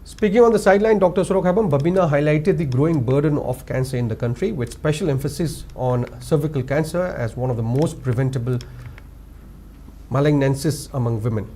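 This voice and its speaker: A male news anchor with a Manipuri English accent, reading scripted headlines in a formal, measured way. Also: fairly high pitch, warm tone, slight background noise. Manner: formal, measured, lifts each story opening.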